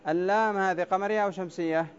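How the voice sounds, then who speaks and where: A male teacher in a classroom, going over poetic meter at the board, drawing words out slowly syllable by syllable and calling on students by name. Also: sits high, fairly even intonation, clean tone, highs cut off. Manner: quizzes students by name, brief praise. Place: classroom with a blackboard.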